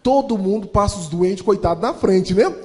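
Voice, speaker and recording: Brief: high-pitched man, animated comic storyteller in a reverberant hall. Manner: animated, fast-talking. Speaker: motivational storyteller. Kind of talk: humorous storytelling talk.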